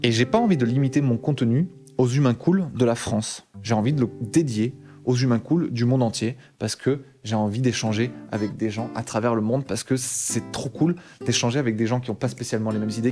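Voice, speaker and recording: A man's voice: mid-range voice, darkish tone. A man talking casually and enthusiastically straight to his viewers, in a slangy conversational way. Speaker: YouTuber. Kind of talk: casual direct-to-camera talk. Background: faint guitar music.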